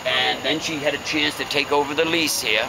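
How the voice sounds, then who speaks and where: A man's voice: on the high side, steady tone, a little fast, creaky, noisy background. A man working as a ghost tour guide, telling a story casually and dramatically with wry, folksy humour and suspenseful phrasing. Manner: folksy, wry, joking delivery.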